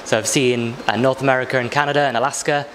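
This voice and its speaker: An Englishman in his twenties, being interviewed as a backpacker, describes his travels in articulate, flowing sentences. His medium-pitched voice is steady, fast, and slightly bright, and the casual answers are recorded with long reverb and faint background noise.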